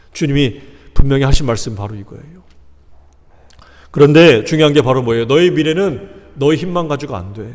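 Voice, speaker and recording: A male pastor preaching a sermon, animated, asking the congregation rhetorical questions and acting out quoted lines. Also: on the high side. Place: church sanctuary. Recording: long church reverb.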